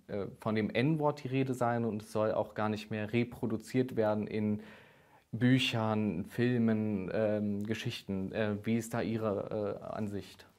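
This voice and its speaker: A young male interviewer with a fairly low voice that stays level and flat. He asks long, hesitant questions, filling his pauses with frequent filler sounds.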